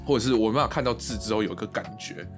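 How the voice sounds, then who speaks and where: A man's voice: lowish voice, rapid-fire, music in the background. A man co-hosting a podcast, rambling and hesitant in casual chat, with the odd swear word. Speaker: podcast co-host.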